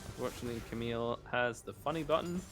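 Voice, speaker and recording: A man's voice: fast, music in the background. Tired man calling an esports match. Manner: excitable, pitch jumps on big plays. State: tired, yawning. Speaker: esports caster. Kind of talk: live esports play-by-play commentary.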